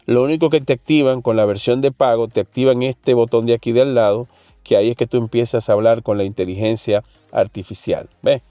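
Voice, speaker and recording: A man's voice: medium pitch, steady tone, fairly quick, warm tone, no room sound, soft background music. A man hosting a casual tech channel, chatting straight to viewers while demonstrating on his phone. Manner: chatty, addresses the viewer directly with frequent fillers.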